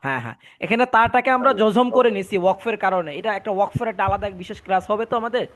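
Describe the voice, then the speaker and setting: High-voiced patient Quran teacher, man. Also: fast, a bit bright. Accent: Bangladeshi Bengali. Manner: patient, repeats points, drills students. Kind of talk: online class teaching.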